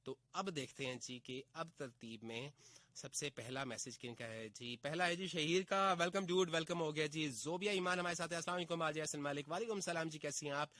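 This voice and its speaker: A man's voice: on the high side, fairly quick, pushed and bright, no room sound. A man from Pakistan with a Pakistani Urdu accent, hosting a casual radio show and greeting listeners by name one after another. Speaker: radio host reading listener messages.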